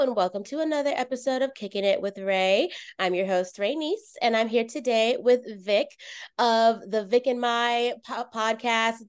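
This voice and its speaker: A woman's voice: fairly high pitch, clean tone. A woman speaking as a podcast host in an informal, conversational style. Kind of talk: podcast intro and casual chat.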